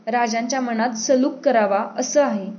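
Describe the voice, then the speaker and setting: A woman's voice: fairly high pitch, a little mellow, muffled recording, close to an everyday voice. A woman voicing a firm, dignified envoy. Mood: measured. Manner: firm, measured, stern. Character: steady male royal envoy, firm and dignified.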